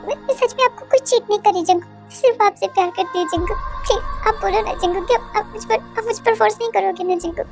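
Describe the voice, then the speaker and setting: A woman's voice: very high voice, quick pace, over music. A woman voicing a frightened young heroine who pleads and stammers in a fan audio drama. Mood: tearful.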